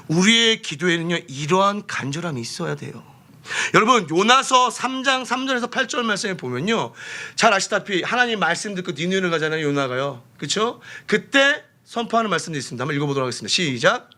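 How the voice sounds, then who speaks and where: A man preaching a sermon as pastor, fervent, swinging between loud exclamations and hushed asides. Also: fairly high pitch. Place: church sanctuary.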